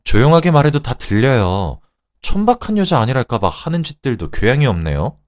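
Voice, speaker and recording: A man's voice: on the low side, normal speed. A man doing a cold, cutting young woman. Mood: coldly cutting. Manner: calm, cutting, scornful. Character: cold, composed young woman taking revenge. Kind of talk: radio drama reading.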